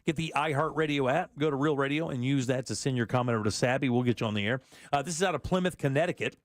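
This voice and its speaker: A male radio host reads odd news stories in a relaxed, chatty way and laughs often at his co-hosts' jokes. His voice sits in a middle pitch. The studio sound is dry and close. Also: rapid-fire, dry recording. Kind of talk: casual radio talk and news reading.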